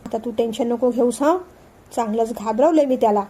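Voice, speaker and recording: A woman's voice: fairly high pitch, fairly quick, husky. Woman voicing a chatty naive college girl. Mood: excited. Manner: excited, gossipy.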